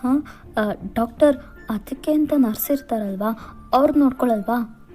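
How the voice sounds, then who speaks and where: A flustered young college girl stammers, pleads and apologizes, played by a woman reader. Her voice runs high and mellow, and faint music sits behind this storybook voice-over. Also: unhurried, natural voice.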